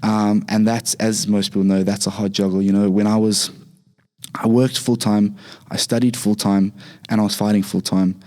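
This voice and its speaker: A young man from Zimbabwe with a Zimbabwean accent, chatting relaxed as a podcast guest, with many fillers and restarts. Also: lowish voice, normal speed. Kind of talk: casual interview talk.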